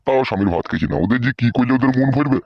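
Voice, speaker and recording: A man's voice: medium pitch, lively intonation, racing, no echo. A man voicing a rambling, coarse older village uncle in a comedy cartoon. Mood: grumbling. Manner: rambling, coarse rustic talk. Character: older village uncle giving crude advice. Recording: dull, dry lo-fi recording.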